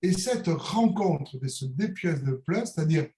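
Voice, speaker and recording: A man's voice: on the high side, expressive, measured pace, warm tone, roomy sound. A middle-aged man with a Niçois accent talking in a searching, philosophical way, with many hesitations and restarts. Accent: Niçois French. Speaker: calligrapher, interview guest. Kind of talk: reflective conversational monologue.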